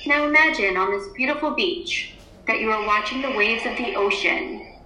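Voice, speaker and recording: A woman guides a class through a calm grounding and breathing exercise. Her voice is fairly high and very bright, with slow, soothing phrasing and long pauses between instructions. The room around her sounds clearly echoey. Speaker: teacher leading a class mindfulness exercise. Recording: roomy, echoey indoor sound.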